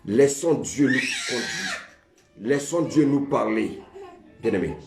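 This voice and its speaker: A man's voice: mid-range voice, expressive, takes it slowly, gravelly, a little mellow, echoey room, faint music behind. A man preaching a sermon as pastor, often saying "beloved" and calling for the congregation's answer. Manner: preaching with call-and-response; repeats "bien aimé" often.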